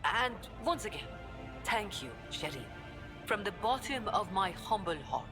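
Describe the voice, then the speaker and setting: A flattering trade agent in a video game, all ornate compliments and theatrical turns. Her pitch swings widely through each grand phrase, with game music clearly playing behind her. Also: unhurried.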